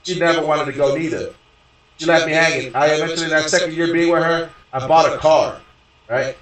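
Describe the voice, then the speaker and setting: A man's voice: a little high, steady tone, fairly quick, a bit bright. A man streaming a game, ranting in a rambling, profane way, stumbling over restarts and repeating "you know what I mean". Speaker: gaming streamer. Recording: echoey room, voice far from mic.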